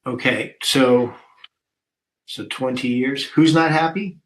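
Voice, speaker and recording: A man's voice: mid-range voice, slow pace, a bit bright, poor audio. A man leading a Bible study discussion, thinking aloud with many fillers and reading scripture verses aloud.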